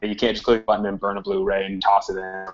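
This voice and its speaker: A man's voice: lowish voice, level tone, fast talker, faint music behind. A man in an online team meeting, explaining things at length with restarts and fillers. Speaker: team member. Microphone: computer mic on a video call. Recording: muffled call audio with faint noise.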